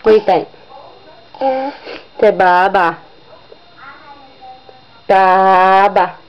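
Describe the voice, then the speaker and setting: A woman's voice: medium pitch, little pitch movement, drawn-out words, smooth. Coaxing mother in baby talk. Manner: coaxing, sing-song, repeats simple words. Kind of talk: baby talk with her child on home video. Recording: dull lo-fi home video.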